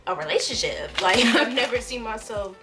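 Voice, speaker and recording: A woman co-hosting a casual mukbang chat, teasing with jokes she quickly takes back. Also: on the high side, animated, music in the background. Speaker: co-host of a mukbang channel. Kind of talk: casual chat while eating.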